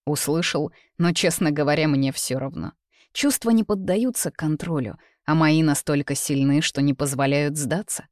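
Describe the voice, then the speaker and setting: Logan, a reader voicing an insistent young suitor. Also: male voice, fairly high pitch, moderate pace, dry recording, studio quality, lightly acted. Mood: pleading. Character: young man, persistent jealous suitor. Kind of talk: audiobook character reading.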